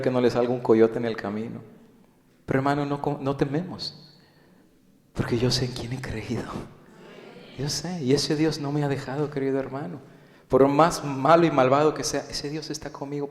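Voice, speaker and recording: Male pastor, deep voice, sermon that swings from loud urgent appeals to whispered pleas, roomy church hall. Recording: echoey hall.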